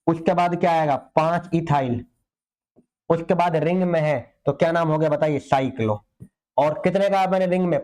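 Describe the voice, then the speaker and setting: High-voiced chemistry teacher coaxing students. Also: male voice, a little mellow. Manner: coaxing, asks questions then answers himself. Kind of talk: online exam-prep lecture.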